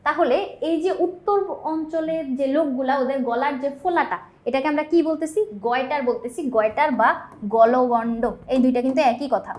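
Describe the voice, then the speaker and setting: A woman's voice: high voice, fairly quick, a little mellow. A young woman with a Bangladeshi Bengali accent teaching a biology exam lesson, explaining step by step and answering her own questions.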